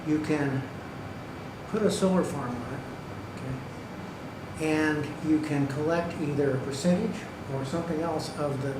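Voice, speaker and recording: Unhurried and on the high side, a man's voice delivers public comment at a county meeting, making his points emphatically and checking in with "okay" and "right." He's in a county government meeting room, recorded in an echoey hall with background noise.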